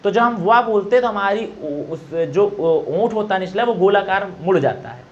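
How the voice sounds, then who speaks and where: Over lo-fi audio with slight background noise, a male Hindi exam teacher gives a classroom-style pronunciation lesson. His high voice has lively intonation and a moderate pace as he patiently explains and repeats sounds to show them.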